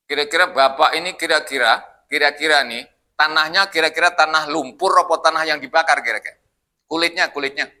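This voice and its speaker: A man's voice: a little high, sharp tone. A man preaching at a mosque study session, joking and asking his congregation questions in a loose, conversational way. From Indonesia. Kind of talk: Quran study sermon.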